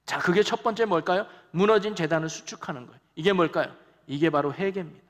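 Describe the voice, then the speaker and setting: A man's voice: sits high, fast talker, long reverb tail. A man preaching a sermon in a church and engaging the congregation with frequent questions. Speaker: pastor. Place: church sanctuary.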